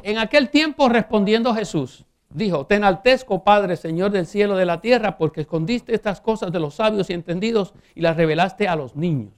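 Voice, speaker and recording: High-voiced man preaching emphatically. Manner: emphatic, rhetorical questions, slows on key phrases; reads scripture aloud and comments. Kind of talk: sermon.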